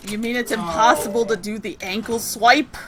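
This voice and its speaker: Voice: mid-range voice, fairly even intonation, normal speed, a crowd in the background. A co-commentator on a video game, joking, teasing and laughing often. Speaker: let's play co-commentator. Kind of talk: casual gaming commentary.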